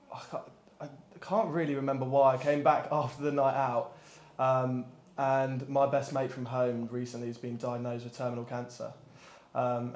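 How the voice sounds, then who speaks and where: A man's voice: mid-range voice, a little mellow, a little hiss or hum. A man in his twenties telling a story casually in an interview, laughing things off. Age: 20s. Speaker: student footballer. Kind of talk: personal interview testimony. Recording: echoey room.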